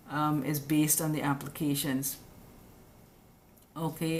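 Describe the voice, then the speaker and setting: Low-voiced woman scolding viewers on a live stream. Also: a little mellow, a little hiss or hum. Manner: direct, scolding, chatty, addresses viewers as guys. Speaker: immigration law commentator hosting a live stream. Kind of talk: casual live-stream explainer answering comments. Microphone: webcam or phone on a live stream.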